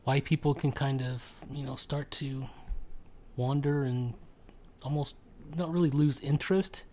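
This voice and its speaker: A man's voice: mid-range voice, fairly even intonation, measured pace, dark tone. Hesitant male podcast host. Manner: hesitant, full of ums and restarts. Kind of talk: casual podcast chat.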